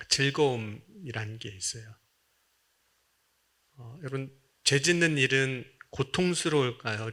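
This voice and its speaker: A man's voice: mid-range voice, sharp tone. A male pastor preaching a sermon at a Friday prayer meeting, earnestly addressing the congregation with rising and falling emphasis. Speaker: senior pastor.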